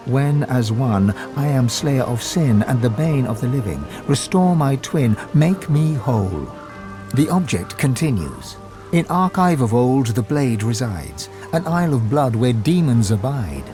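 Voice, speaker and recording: A man voicing the solemn narrator of a video game, reading with dramatic, expressive delivery over game music. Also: mid-range voice, measured pace. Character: solemn male storybook narrator.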